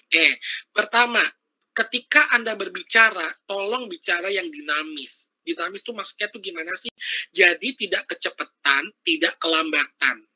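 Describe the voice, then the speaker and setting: Over a video call, a man with a high-sitting, pushed and bright voice gives a casual, interactive workshop talk at a moderate pace. The recording is muffled. He chats freely and keeps putting questions to his audience.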